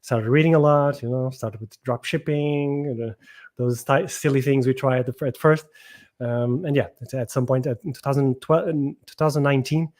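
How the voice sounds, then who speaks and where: A man's voice: medium pitch, fairly even intonation, moderate pace, a little mellow. Hesitant male guest. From Portugal. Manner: thoughtful, hesitant, many restarts. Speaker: podcast guest, entrepreneur. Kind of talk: casual interview talk.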